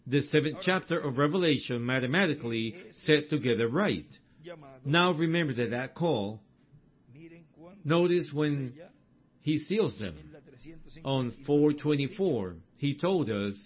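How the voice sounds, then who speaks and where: A man preaching a sermon from a book of quotations, deliberate and repetitive, with emphatic asides to the congregation. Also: mid-range voice, highs cut off.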